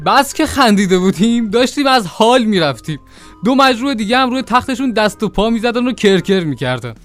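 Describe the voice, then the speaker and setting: A man narrating a comic audio drama in a lively storytelling manner. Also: high voice, faint music behind.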